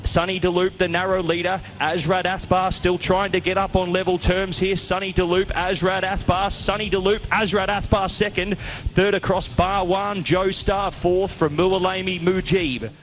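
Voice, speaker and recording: A man's voice: high voice, level tone, moderate pace, fairly bright tone, slight background noise. A man calling a horse race live as a race caller, in short running phrases. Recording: music playing behind the voice. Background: music.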